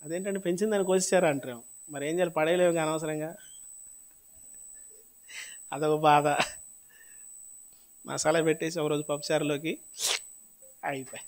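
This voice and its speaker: A male pastor with a Telugu accent preaching a sermon, swinging between loud outbursts and quiet murmurs and questioning the congregation. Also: on the high side, steady tone, normal speed, pauses often. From South India. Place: church hall.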